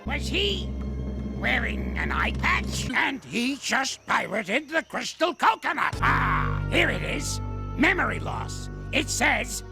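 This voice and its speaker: An actor playing a cranky old male ape in a cartoon, scolding and name-calling in a gravelly, crackly old voice. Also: big pitch swings, slow pace, music in the background, exaggerated voice. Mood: grouchy scolding. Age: older. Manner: scolding and name-calling, swooping wildly in pitch. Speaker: grouchy elder ape in a cartoon series. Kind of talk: cartoon voice acting.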